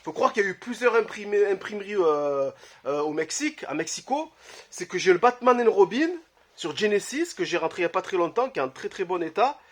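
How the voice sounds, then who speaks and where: A man, casually talking to camera about his collection, blunt and quick to swear, with lots of "euh" fillers. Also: sits high, lively intonation. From Marseille, France. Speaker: retro game collector vlogger. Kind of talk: casual vlog talk to camera. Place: his home, early morning.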